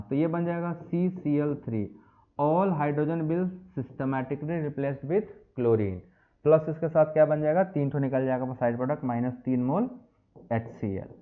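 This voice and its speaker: A man teaching a chemistry lecture to students, calling them beta and mixing English phrases into his explanation. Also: a little high. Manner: lively, addresses students as beta and bachche. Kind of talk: classroom lecture. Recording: tinny phone-like audio.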